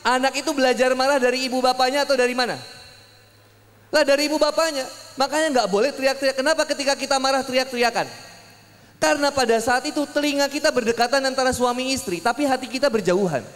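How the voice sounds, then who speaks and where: A young man preaching a sermon, joking and telling lively stories to his audience. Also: very high voice, fast talker, in a large hall. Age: young adult. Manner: lively, joking storytelling with voiced asides. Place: public hall gathering.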